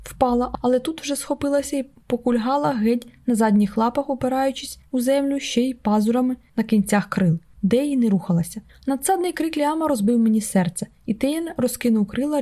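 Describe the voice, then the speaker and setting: A woman's voice: a little high, a little fast, hardly any pauses, mellow. A woman narrating an audiobook in a tense, urgent way.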